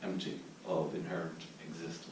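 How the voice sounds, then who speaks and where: A man with an Irish accent giving a reflective dharma talk as a Zen teacher at a retreat, pausing to search for his words. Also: extremely low pitch, little pitch movement, a little mellow. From Ireland. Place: meditation hall at a retreat centre. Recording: distant mic in a very echoey room with faint noise.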